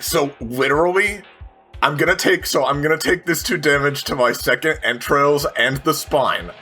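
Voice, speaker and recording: With background music beneath him, a man describes his character's moves and thinks aloud during a tabletop game, talking casually and with profanity. His somewhat high voice is bright and forceful with a breathy edge, at a normal speed.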